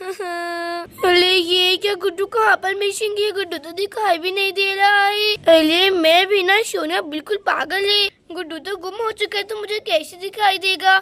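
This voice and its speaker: Chattering excitable little girl, voiced by a woman, doll story, very high bright voice. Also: a little slow, few pauses, full character voice. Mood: eager. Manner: eager, chattering.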